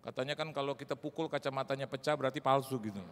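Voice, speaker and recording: A male pastor from Indonesia preaching a storytelling sermon, animated, with casual slang and shouted exclamations. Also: mid-range voice, racing, slight background noise. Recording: long reverb of a large hall.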